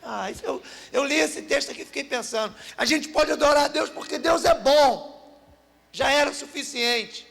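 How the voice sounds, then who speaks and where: Gravelly high-voiced pastor preaching. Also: male voice, normal speed, a bit bright. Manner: storytelling, reads psalms aloud with rising emphasis. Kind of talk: sermon. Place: church hall at a youth congress. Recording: long reverb of a church hall.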